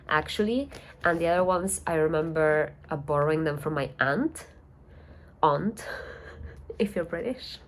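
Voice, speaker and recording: A young woman chatting casually in a book vlog at home, thinking aloud and rambling with soft laughs. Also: lowish voice, a little hiss or hum. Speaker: book vlogger. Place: at home at night.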